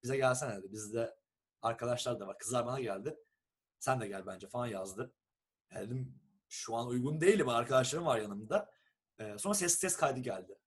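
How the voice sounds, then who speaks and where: A young man from Turkey, telling a long story in a casual, animated chat and acting out what people said. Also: mid-range voice, brisk, husky. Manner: animated storyteller who acts out quoted texts and swears casually.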